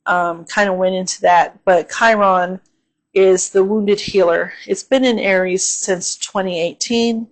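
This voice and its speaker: A woman's slightly hoarse, tired, mid-range voice keeps a steady tone as she casually, unhurriedly talks through an astrology forecast on her own channel. She frequently fills with "um" and checks in by asking "okay?".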